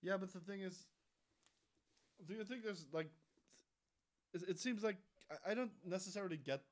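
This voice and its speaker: A young man co-hosting a loose home podcast, his voice a little higher than most men's. He rambles, restarts his sentences and swears casually while making his point. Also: normal speed. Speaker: podcast co-host. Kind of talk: casual chat. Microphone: home computer mic.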